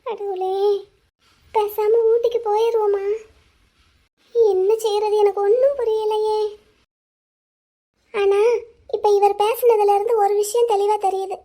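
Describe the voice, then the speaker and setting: A woman voicing a worried young woman in an animated drama, talking in a pleading way. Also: very high-pitched, measured pace, long pauses. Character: young woman Angel, anxious, hiding away.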